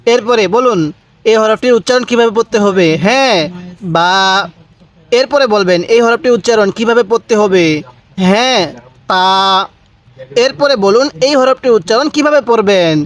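Male teacher, high-pitched, patient step-by-step letter lesson with call-and-repeat drills. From Bangladesh. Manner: slow, repeats each letter and asks listeners to say it back. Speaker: Quran reading teacher.

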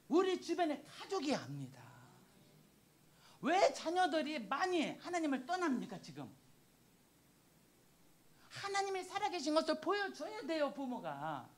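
A woman in her sixties, a missionary preacher giving a sermon testimony in a church, telling her story in an animated, emotional way. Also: high voice. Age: 60s. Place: church sanctuary.

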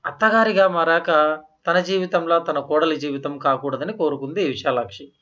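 A man narrating a written story in a steady, measured reading voice. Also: fairly high pitch. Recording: slightly dull, lo-fi audio.

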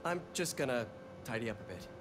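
An actor playing an earnest, self-deprecating young science teacher in naturalistic video game dialogue. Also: male voice, sing-song, brisk, lightly acted. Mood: supportive. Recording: game audio with rumbling background noise.

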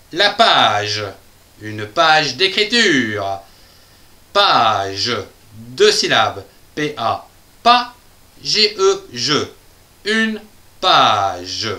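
A man's voice: on the high side, pushed and bright. A man giving a children's reading lesson, spelling out letters and syllables one by one in a playful, sing-song way. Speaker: reading teacher.

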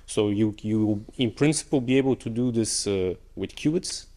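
A man's voice: on the low side, normal speed, mellow. Young man giving a hesitant technical talk. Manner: hesitant, many fillers and restarts. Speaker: conference speaker. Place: lecture auditorium.

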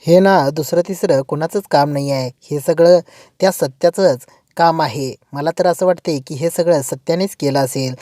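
Woman doing a nosy accusing aunt, low mellow voice, dry room. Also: moderate pace, no echo, lightly acted. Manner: accusing, taunting. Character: sharp-tongued suspicious middle-aged aunt.

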